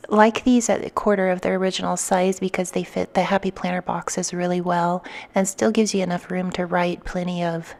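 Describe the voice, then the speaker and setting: A woman with a noticeably creaky voice narrates a craft tutorial in a casual, chatty way. Her pitch is mid-range and stays fairly even. She explains each small step as she works. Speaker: craft vlogger and design team member.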